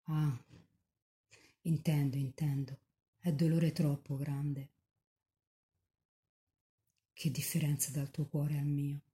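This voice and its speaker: A young woman mystic lost in rapture, as a nun reads her words aloud, pleading with Mary in a fervent, tender prayer. The voice sits low and mellow. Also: little pitch movement, slow, pauses often.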